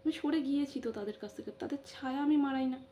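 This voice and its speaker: A woman's voice: high-pitched, racing, mellow, slight background noise. A middle-aged woman vlogger giving an emotional personal monologue. She talks with passion, repeats phrases and keeps affirming herself with short interjections. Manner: impassioned, repetitive, frequent affirming interjections.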